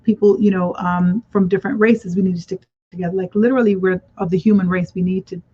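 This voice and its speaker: A woman with a lowish, husky voice hosts a radio talk show, speaking quickly and steadily. She tells stories in casual chat and encourages her guest with warm affirmations. The radio audio is dull and lo-fi.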